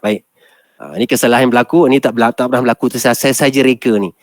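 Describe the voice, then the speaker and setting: A man with a Malaysian Malay accent teaching Quran recitation in a class, explaining patiently step by step and chanting verses slowly. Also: mid-range voice, no room sound.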